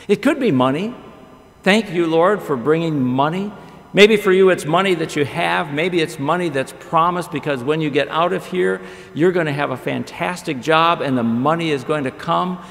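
Preaching a chapel sermon at a podium mic, a middle-aged pastor tells stories with wide gestures and rhetorical questions. His voice runs a little high at a normal speed with some vocal fry, and the large chapel's long reverb makes the recording echoey.

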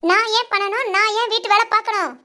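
A woman's voice: very high-pitched, steady tone, fast talker, bright, forceful tone. A woman voicing a stubborn young wife in a family cartoon, talking back firmly and defiantly. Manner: defiant, firm, talks back. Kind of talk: animated family cartoon dub.

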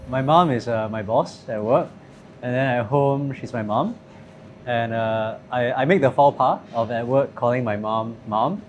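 A man in his thirties speaking in a thoughtful, measured way with fillers, interviewed at a restaurant table. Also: mid-range voice, highs cut off, a little hiss or hum. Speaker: company CEO. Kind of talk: interview conversation.

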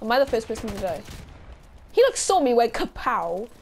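Young woman yelling and swearing at a shooter game, high voice, faint gunfire behind. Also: very animated, moderate pace, slight background noise. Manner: swearing, frustrated rants, sudden outbursts. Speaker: gaming YouTuber. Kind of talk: casual gameplay commentary.

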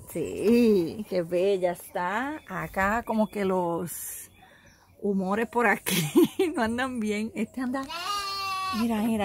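Woman, slow, high-ish voice, soothes and coos at animals in a pen, phone recording with faint noise. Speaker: evangelist filming her farm animals. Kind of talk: casual phone vlog with animals. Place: outdoor animal pens with goats and sheep. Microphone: handheld phone.

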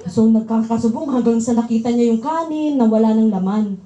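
High-voiced Filipino woman preaching. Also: fairly quick, roomy sound, highs cut off. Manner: lively storytelling, laughing often, acting out quoted voices. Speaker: preacher giving a testimony. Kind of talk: sermon with personal testimony.

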